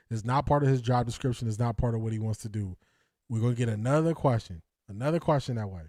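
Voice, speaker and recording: On his casual sports stream, a male host responds to viewer comments in a mid-range, darkish voice. The sound is clean studio audio with no echo. His delivery is halting, full of restarts and fillers, broken up by laughter.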